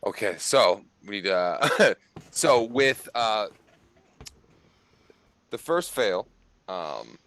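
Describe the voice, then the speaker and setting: A man narrating as game master of a tabletop game, casual and halting, with many fillers. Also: on the low side, expressive, fairly bright tone.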